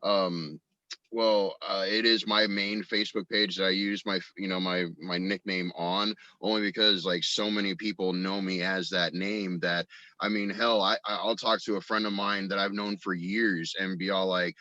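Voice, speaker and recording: This audio drama actor-writer chats casually on a podcast, spinning informal, rambling anecdotes and acting out what people said. His low-pitched voice is pushed and bright with fairly even intonation at a moderate pace, in a dry, muffled recording.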